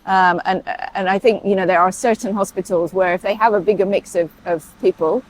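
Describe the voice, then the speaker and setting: Speaking a little fast in a steady, mid-range tone, this talkative guest, a British paediatric emergency doctor raised in Saudi Arabia, rambles through a casual interview with plenty of asides and fillers. There's slight background noise on a rough recording.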